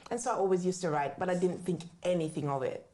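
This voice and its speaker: Speaking fast in a lowish, slightly mellow voice, a woman born in the UK and raised in Jamaica shares candid stories as an interview guest. She works as an author and mentors others in book writing, and her style is conversational.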